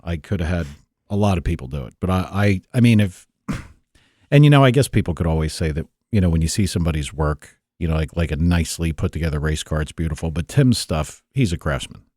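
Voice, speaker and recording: A man's voice: low voice, expressive, a little fast, mellow, no room sound. A man co-hosting a podcast in a studio, laid-back and grumbling, swearing casually as he chats. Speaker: podcast co-host.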